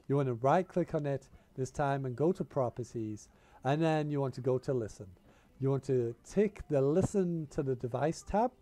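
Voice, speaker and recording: A channel host with a cold and a tickly cough walks through a tech setup in a casual, step-by-step screen-recording tutorial, repeating "you wanna" instructions in an informal, chatty way. His voice is slightly high for a man yet dark and mellow, recorded on a gaming headset mic in a room at home.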